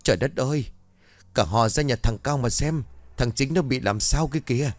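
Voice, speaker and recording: A man's voice: mid-range voice, normal speed, no room sound, voice pushed up, lightly acted. A man voicing a panicked old village woman, crying out in alarm in a ghost story reading. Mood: frantic. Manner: frantic, shouting alarm.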